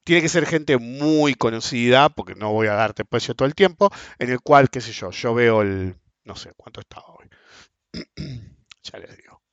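A man's voice: medium pitch, moderate pace, no echo. A middle-aged man with a Rioplatense Spanish accent explains bond trading in casual, colloquial talk and acts out quoted dialogue. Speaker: bond trader sharing experience. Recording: dull dry close recording.

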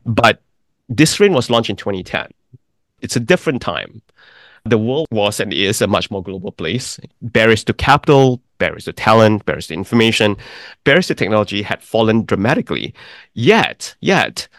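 A middle-aged man from Malaysia, a firm founder explaining his ideas in a deliberate, measured interview. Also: fairly low pitch, very animated, fairly bright tone, dry recording, studio quality. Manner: deliberate, explanatory, lists points in sequence. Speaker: investment firm founder, guest.

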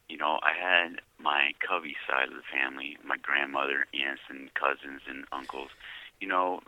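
A man's voice: rumbling low, sharp tone, dry recording. A man calling on a prison phone line, telling his story in a reflective way and often asking if he's understood. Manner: reflective storytelling, often asks "you know what I mean?". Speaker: incarcerated caller. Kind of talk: casual chat.

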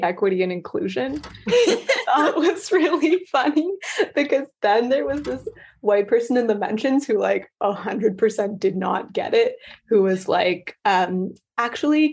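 A woman speaking as a panelist on a podcast. Her voice is mid-pitched with a husky grain. She chats casually and jokes wryly. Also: a little mellow. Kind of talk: casual chat.

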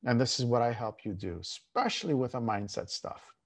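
A man's voice: medium pitch, expressive. Emphatic man giving a motivational talk. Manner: emphatic, with repeated phrases and dramatic slowed stresses; informal, candid, mildly crude. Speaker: fitness and mindset coach, show host. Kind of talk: motivational coaching talk to an online audience.

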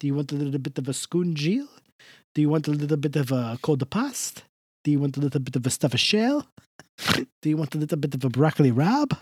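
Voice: medium pitch, sing-song, a little fast, dry recording, studio quality, natural voice. A radio co-host voicing a jovial, pushy older Italian-American man who stuffs "a" before every noun and mangles Italian food names. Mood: coaxing. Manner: exaggerated sing-song swoops. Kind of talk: comedic bit in a radio show.

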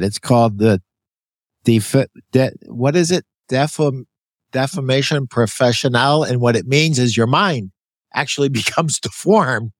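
This mid-range male voice, captured in a dry recording, belongs to a Canadian podcast host in his sixties. He reads a passage from his own book on his interview show, adding folksy tangents and self-corrections as he goes.

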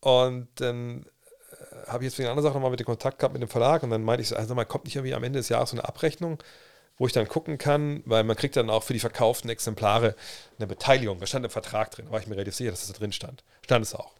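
Fast and steady in tone, this livestream host in his thirties has a medium-pitched voice on a dry recording. He tells a chatty, slangy story, restarting often and quoting what he said to himself.

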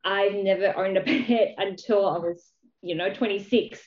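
Here the charity founder from Malaysia talks at a normal speed in a medium-pitched, darkish voice. As an interview guest she describes her experience in a relaxed way, frequently dropping in "you know." The sound is dull and echoey, as if in a roomy space.

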